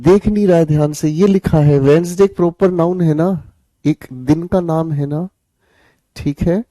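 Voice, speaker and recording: A man's voice: on the high side, normal speed, warm tone, dry recording. A male teacher leading a live online grammar class, coaxing students and repeating his questions, then answering them himself with playful scolding.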